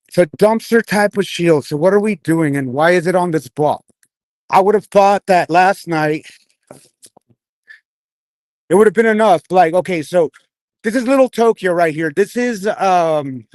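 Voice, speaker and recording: Out on a city street at night, an independent journalist livestreams, offering casual commentary and chatting with people. His voice sits high and is a little mellow, the recording dry, and missing front teeth slur his rambling, informal speech.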